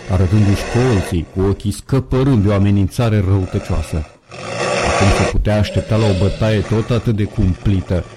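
A man narrating an audiobook in a measured, dramatic manner. His voice is on the low side. Faint ambient sound effects run underneath. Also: noisy background.

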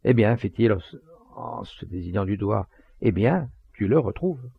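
A man voicing a jovial, hearty, fatherly middle-aged poacher who lectures in a booming, sententious way. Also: animated, normal speed, gravelly, breathy edge, no room sound, dull audio, exaggerated voice.

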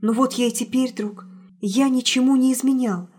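Woman doing a shy lovesick young man, audiobook, impassioned, raised pitch, breathy. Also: steady tone, normal speed, a little mellow. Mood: tender. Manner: earnest, impassioned confession. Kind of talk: audiobook character reading.

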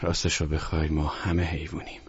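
A steady gray-haired man on the phone, firm and placating, in a low voice, as a male reader plays him. His tone is husky and breathy, in a dull, dry lo-fi recording. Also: no room sound, heavily acted.

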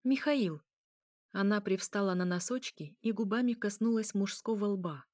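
A woman narrating a fantasy romance audiobook in a measured, expressive reading. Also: medium pitch, no echo, studio quality. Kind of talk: scripted narration.

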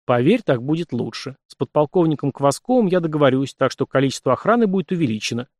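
A man voicing a quick-tempered, cheeky young man with sharp, teasing retorts. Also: on the high side, sing-song, no room sound, studio quality. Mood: cocky.

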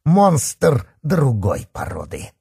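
A man's voice: low voice, moderate pace, vocal fry, dark tone, slightly rough, no echo, studio quality, exaggerated voice. A man voicing a menacing male werewolf who growls, hisses and purrs his threats. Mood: roaring.

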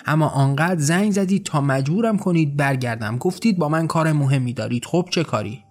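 A man's voice: a little high, darkish tone, soft background music, close to an everyday voice. A man reading the part of an impatient, hostile mother in an audiobook story, speaking curtly and with scorn. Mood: scornful. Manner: curt, scornful.

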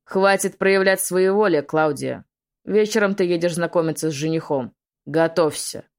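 A woman's voice: fairly low pitch, moderate pace, natural voice. A woman reading an audiobook, voicing a cruel, domineering male demon lord who barks orders with scorn. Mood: cold scornful.

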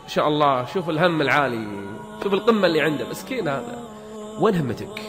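Fast, high-voiced preacher. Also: male voice, animated. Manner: emphatic, rapid rhetorical questions and repetition. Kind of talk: motivational sermon. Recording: long hall reverb with background music.

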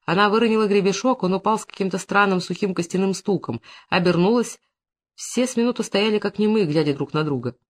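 A man narrating a novel in an audiobook with even, measured storytelling. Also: sits high.

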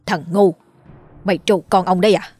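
A woman's voice: lowish voice, steady tone, normal speed, slightly rough, dry recording, faint music behind. A woman voicing a cruel, furious old male village official who barks orders. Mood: enraged. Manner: shouting, barking orders.

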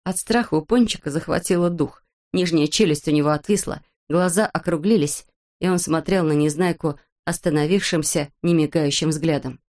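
Woman reading a kids storybook aloud, lowish calm voice. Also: moderate pace. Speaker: audiobook narrator. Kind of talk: storybook narration.

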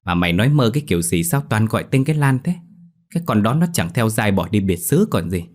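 A man voicing a sharp-tongued village mother who nags her daughter in a shrill, scolding tirade. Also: very animated, fast.

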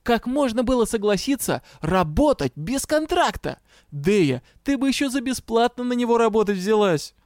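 A man's voice: high voice, expressive, moderate pace, dry recording, clean studio sound, pitched above the performer's own voice. A man voicing a hot-tempered young male drow detective who scolds and rants in exasperation. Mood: ranting.

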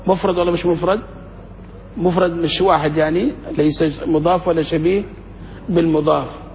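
A man's voice: on the high side, darkish tone. A male sheikh teaching grammar, firing questions at his class. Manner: quizzes students with rapid questions. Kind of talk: classroom lesson with questions to students. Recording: dull lo-fi recording in a reverberant hall with faint noise.

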